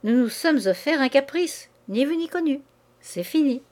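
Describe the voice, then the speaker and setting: A woman reading a novel aloud, giving voice to a brusque, scornful young man who talks roughly and impatiently. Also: high voice, animated, normal speed, a little mellow, voice pushed up. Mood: harsh.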